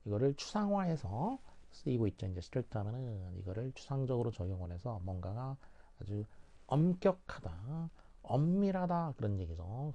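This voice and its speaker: Male vocab teacher, explanatory lecture, repeats key words; dark mellow tone, dull recording. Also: mid-range voice. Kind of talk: lecture explaining word roots.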